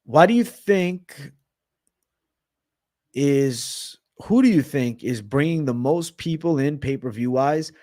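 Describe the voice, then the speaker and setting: A man's voice: a little high, expressive, slow, warm tone, no echo, clean studio sound. Blunt, casual man on a livestream. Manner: blunt, casual, swears freely. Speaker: livestream host.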